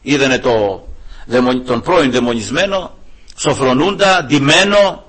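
A man's voice: medium pitch, a bit bright, slightly rough. A male preacher delivering an emphatic sermon, often turning to address the brethren directly.

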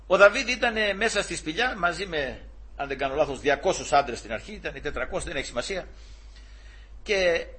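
A man's voice: high-pitched, bright, forceful tone, breathy edge. A man preaching, retelling a scripture story in a conversational way with restarts and self-corrections. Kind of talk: sermon retelling a Bible story.

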